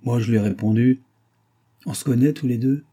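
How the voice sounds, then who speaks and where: A man's voice: a little fast, dark tone, breathy edge, lightly acted. A man reading an audiobook voices a distraught young woman who owns a bar, tearful and pleading. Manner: tearful, pleading, rising pitch.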